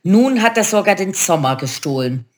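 A woman's voice: mid-range voice, lively intonation, normal speed, lightly acted. A woman voicing three spiteful old witches who shriek and wail, in a storybook reading. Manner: shrieking, wailing.

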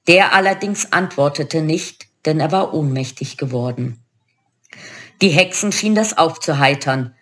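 A woman reading a first-person storybook aloud, lively and expressive. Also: fairly low pitch. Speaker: audiobook narrator.

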